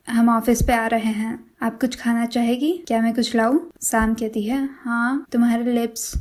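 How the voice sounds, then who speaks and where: A woman recaps a drama episode, reading each character's lines herself. Her voice sits a little high but stays level and even. The tone is mellow. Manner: reads all characters' lines in one steady voice. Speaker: series recap narrator. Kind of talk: retelling a drama with quoted dialogue.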